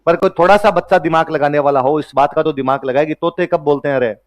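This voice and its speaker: A man's voice: fairly high pitch, fast. A man teaching a history class, asking and answering his own questions and joking with students.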